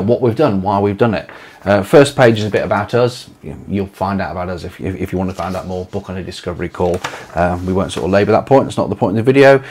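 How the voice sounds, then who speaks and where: Rambling casually to camera with lots of fillers and restarts, a man in his forties with an East Midlands English accent speaks from a small home office. The letting agency owner's voice is lowish and a little mellow, with slight background noise.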